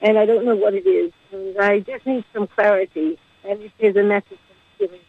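Female caller, hesitant and halting, heard through a crackly phone line that fades in and out, thin and dry. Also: mid-range voice, gravelly, breathy edge, dry recording. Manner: hesitant, halting, full of ums. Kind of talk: call-in question to a radio show.

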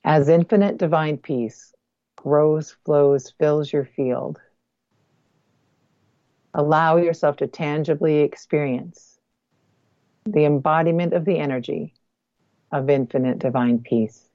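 This guest healer's voice sits low with fairly even intonation as she leads a guided meditation. She speaks softly and close to the ear in slow, deliberate phrases with pauses. There's no echo, and the high frequencies are cut off.

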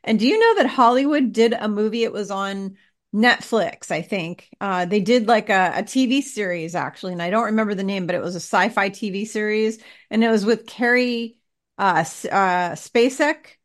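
A woman's voice: mid-range voice, moderate pace. A woman in casual conversation, talking in a chatty way and chiming in to finish the other speaker's sentences.

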